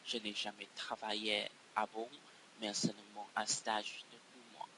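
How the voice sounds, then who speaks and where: A man's voice: on the low side, monotone, unhurried, noisy background. A man, a doctoral student carefully reciting a prepared self-introduction in learner's French.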